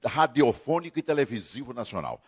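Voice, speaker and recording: A man's voice: mid-range voice, big pitch swings, fairly quick, breathy edge. A man, a TV host asking questions in a curious, casual interview. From Paraíba, Brazil. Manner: curious, asks questions and echoes answers.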